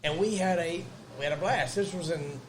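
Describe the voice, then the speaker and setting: A man's voice: a little high, moderate pace, a little hiss or hum. A man in his mid-forties, telling jokey stories in a casual podcast chat. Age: 40s. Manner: joking, storytelling banter.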